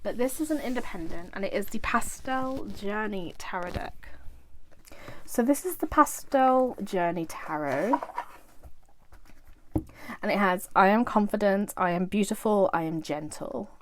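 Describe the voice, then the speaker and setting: A woman's voice: medium pitch, animated, a little slow, slight background noise. A woman vlogger in casual show-and-tell chat about her tarot decks, gushing and chatty, full of "like" and praise.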